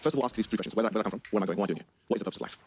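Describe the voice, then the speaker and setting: A man's voice: on the low side, rapid-fire, slight background noise. A man from Egypt hosting a stage discussion, eager and repetitive, full of fillers.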